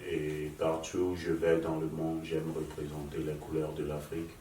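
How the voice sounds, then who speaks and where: Very deep, flat-voiced man. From Nigerian father, raised in Lomé, Togo. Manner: hesitant, halting phrasing. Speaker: guest musician. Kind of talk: interview answers. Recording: echoey room, mic far off, faint noise.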